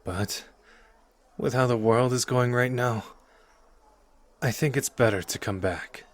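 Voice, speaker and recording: Lightly acting in an unhurried, medium-pitched voice, a man portrays a cocky, playful young sorcerer with a protective side in an ASMR roleplay. He addresses the listener in a casual, teasing, intimate way, earnest and persuading.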